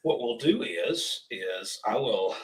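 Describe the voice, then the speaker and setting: A man with a hoarse, rusty, froggy voice, chatting casually as he hosts a livestream. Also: on the low side, animated, takes it slowly, far from the mic, low-quality recording. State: hoarse from pollen. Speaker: host of a livestream workshop. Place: remote studio.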